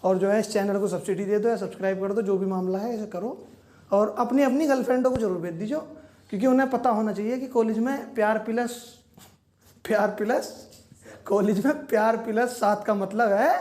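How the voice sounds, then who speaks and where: A man's voice: sits high, fairly quick, darkish tone. A young man telling stand-up stories, acting out dialogue with crude, slangy punchlines. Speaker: stand-up comedian. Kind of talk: stand-up storytelling.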